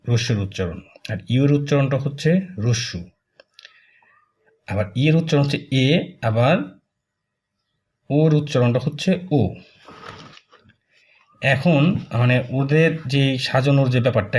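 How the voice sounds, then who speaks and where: A man, teaching a casual language lesson, talking slowly and repeating filler words as he writes strokes. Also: medium pitch. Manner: slow, repetitive, with many fillers while drawing strokes. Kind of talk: casual spoken lesson, explaining while writing.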